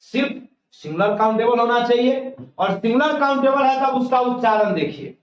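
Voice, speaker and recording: Folksy teacher in an echoey classroom. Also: male voice, extremely high pitch, moderate pace. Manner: explains step by step, asks questions and answers them himself; folksy, colloquial teaching style. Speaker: English grammar teacher. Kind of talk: classroom lecture. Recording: echoey, distant, dull lo-fi classroom recording.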